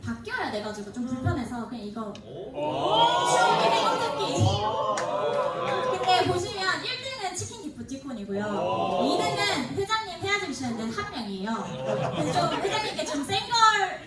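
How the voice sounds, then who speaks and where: A woman hosting a church youth event, making playful, animated announcements over a PA microphone. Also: very high-pitched, normal speed, very noisy. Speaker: event host. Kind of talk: lively casual announcements. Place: church hall. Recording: echoey hall from far off, with music and crowd. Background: loud music and crowd.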